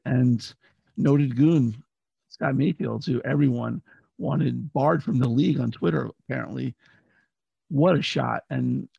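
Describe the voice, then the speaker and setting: A middle-aged man with a hoarse, partly lost voice, chatting casually about sports as a longtime fan on a podcast. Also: mid-range voice, mellow. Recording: dull lo-fi audio, roomy echo.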